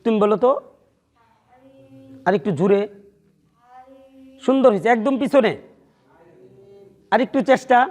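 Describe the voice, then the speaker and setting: Man teaching a class in a classroom, real high voice, talks slow, keeps cheering the students on to say it again. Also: a little mellow. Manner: encouraging, coaxing students to repeat after him. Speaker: Quran teacher. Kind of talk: classroom lesson with call-and-response drills. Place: classroom with a board.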